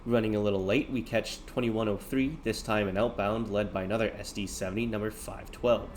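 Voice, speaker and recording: Male railfan narrator, lowish voice, train-spotting commentary, noticeable train noise behind. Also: steady tone, fairly quick. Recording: clear background noise of trains, ambience.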